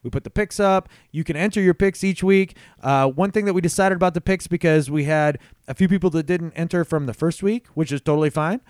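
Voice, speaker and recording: A man co-hosting a casual sports podcast, laid-back and quick to laugh, with a habit of casual swearing. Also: on the high side, a little mellow, clean tone, dry recording, studio quality. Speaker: podcast co-host.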